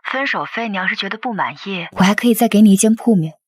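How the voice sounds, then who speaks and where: A woman's voice: mid-range voice, quick pace, close to an everyday voice. A young woman playing a self-assured wife in a drama, speaking curtly and coolly. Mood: dismissive. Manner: cool, curt, assertive. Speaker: wife, heroine. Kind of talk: TV drama acting.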